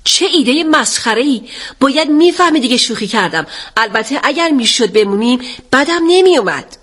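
A willful young English daughter, as a woman narrator reads her in a brusque, impatient tone. The voice sits high, in the manner of a storybook reading. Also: lively intonation. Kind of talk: audiobook reading.

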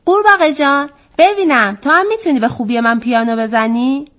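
Woman putting on a shrill boastful little toad. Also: sing-song. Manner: shouting, eager, showing off.

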